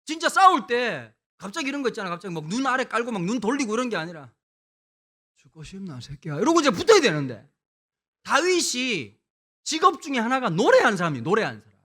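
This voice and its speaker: A middle-aged man from Busan, preaching a lively revival sermon with humorous storytelling, swinging between hushed and loud. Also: very high-pitched, fast. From Busan, South Korea. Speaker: guest pastor.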